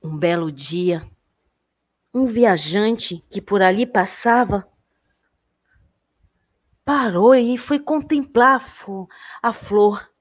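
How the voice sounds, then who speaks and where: A Brazilian woman educator telling a children's story in a gentle, expressive way. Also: medium pitch, slow, long pauses.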